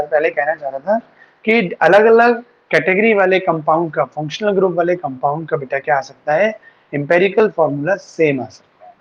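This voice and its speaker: A man teaching a chemistry class online, patiently talking students through formulas and mixing in English terms. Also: sits high. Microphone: online class setup. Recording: dull lo-fi sound.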